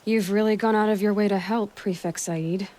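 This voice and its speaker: A woman's voice: medium pitch, fairly even intonation, normal speed, dark tone, close to an everyday voice. An actress playing a determined young woman warrior who speaks directly and skeptically.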